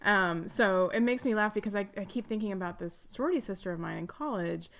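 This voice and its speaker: A woman's voice: mid-range voice, expressive, fast, gravelly, fairly bright tone. Young woman host from Texas, chatty and giggly, remote-call audio. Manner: chatty, giggly, runs headlines as a quiz. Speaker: podcast host. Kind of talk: casual chat.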